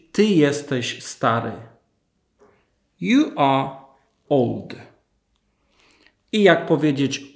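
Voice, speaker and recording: A man teaches a language lesson at an unhurried pace, speaking each example slowly and clearly. His voice is gravelly and lively in pitch. The sound carries a noticeable echo of the room. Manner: slow, drawn-out model phrases with questions to the viewers. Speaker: English teacher.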